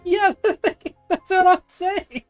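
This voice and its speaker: A woman's voice: extremely high pitch, fairly even intonation, drawn-out words. A woman streaming a game with casual, gushing, amused reaction commentary. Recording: game music behind the voice.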